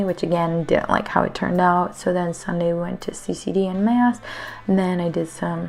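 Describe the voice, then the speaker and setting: A teacher in her thirties rambles casually through a voice-over for her planner video, using lots of fillers. Her voice is fairly low with vocal fry and a darkish tone, and it sounds a little worn, as if she's slightly losing it.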